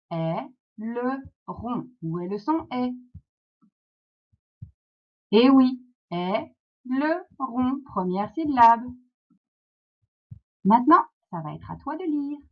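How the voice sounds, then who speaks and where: A woman with a French accent teaching a phonics lesson to young children, slow and clear, encouraging, sounding out words syllable by syllable. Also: on the high side, animated. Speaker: primary school teacher. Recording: dull lo-fi sound.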